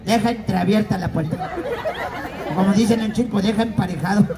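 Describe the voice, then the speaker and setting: A man's voice: high-pitched, a little fast. A man with a Guerrero Mexican accent doing boastful, slangy comic banter as a street clown, through a speaker outdoors. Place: outdoor public plaza at night. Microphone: handheld mic through PA, filmed from audience. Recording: amplified outdoor speaker amid crowd. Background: crowd.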